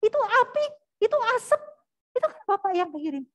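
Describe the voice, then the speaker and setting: A woman preacher voicing a male ship's crewman who explains things briskly. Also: high-pitched, voice pushed up, close to an everyday voice. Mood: matter-of-fact. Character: male ship's crewman, matter-of-fact rescuer.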